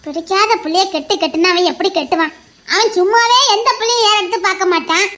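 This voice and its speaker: In an amateur audio drama, a woman plays a protective middle-aged mother who defensively sticks up for her son, pleading and reasoning as she argues with her husband. Her voice is very high, fast, and fairly bright.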